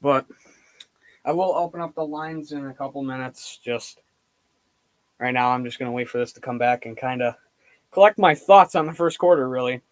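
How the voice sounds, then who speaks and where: A young man chatting casually on a live stream from home while standing and moving around, so his voice drifts nearer and farther from the microphone. He rambles and reacts out loud. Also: medium pitch, moderate pace, long pauses, no room sound. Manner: rambling, reacts loudly to plays.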